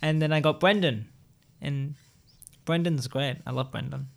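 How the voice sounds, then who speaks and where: A man with a lisp that turns his R's into W's, chatting in a halting, repetitive, jokey way as a comedy podcast host. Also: a little high, vocal fry. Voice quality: lisp, can't pronounce R's, says w for r. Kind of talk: casual comic banter.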